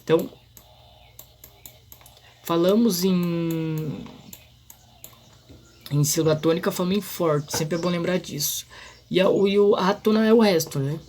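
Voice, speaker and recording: A man explaining a grammar lesson in an informal, halting way, full of restarts and fillers. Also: high-pitched, darkish tone, a little hiss or hum. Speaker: teacher.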